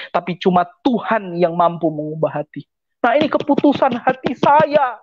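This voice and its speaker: A man's voice: very high voice, no room sound. A man tells his personal testimony in earnest, acting out the voices of the people in his story. The sound is dry and somewhat dull, like a lo-fi recording.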